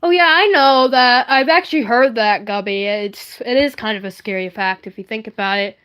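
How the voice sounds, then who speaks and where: A livestream host chats casually while showing her handmade puppets, rambling in a playful and silly manner. Her voice is on the high side and a bit bright, at a moderate pace.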